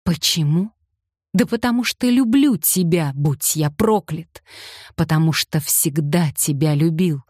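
A woman voicing a bitter, mocking young male aristocrat who speaks in hoarse, sarcastic outbursts. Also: low-pitched, a little slow, a little mellow, no echo, studio quality.

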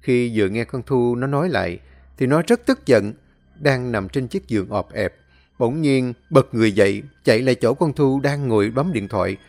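A man's voice: mid-range voice, animated, normal speed, vocal fry, darkish tone. A man narrating a dramatic story expressively, acting out the scenes.

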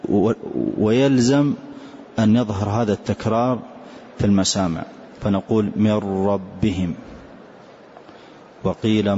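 A man teaching a tajweed lesson, explaining slowly and reciting short words to demonstrate pronunciation. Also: lowish voice, warm tone. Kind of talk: classroom lesson on tajweed rules. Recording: dull lo-fi lecture recording with faint hiss.

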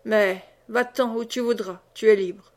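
A woman's voice: on the high side, steady tone, measured pace, darkish tone, lightly acted. A woman reading the part of a blustering, swearing knight commander in an audiobook. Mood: gruff.

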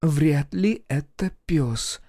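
A man's voice: on the high side, very slow, dark tone, dry recording, studio quality, voice pushed up, exaggerated voice. A man voicing a hot-tempered young woman fighter, snapping and scornful, in an audiobook. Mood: probing. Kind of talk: audiobook character voice.

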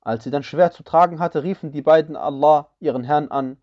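Solemn male scripture reader, mellow tone. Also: a little high, dull audio. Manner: measured, solemn, evenly phrased.

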